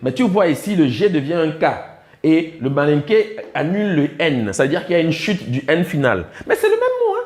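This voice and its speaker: A man lectures a room of students with a voice pitched a little high. He explains in patient steps and keeps quizzing the class to check they follow. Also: lively intonation, a little fast, a little mellow. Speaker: teacher.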